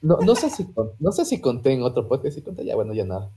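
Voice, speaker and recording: A man's voice: medium pitch, big pitch swings, fast talker, warm tone. A young man, co-hosting a podcast and chatting loosely with plenty of swearing. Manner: swears freely, recounts dreams. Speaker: podcast co-host. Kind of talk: casual chat.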